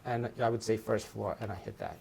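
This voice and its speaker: With a lowish, gravelly, slightly mellow voice, an installer delivers a very animated, brisk hands-on lesson on an intercom system for staff. He explains step by step, frequently repeating his phrases. It's recorded in a noisy indoor workplace room with ambient hiss.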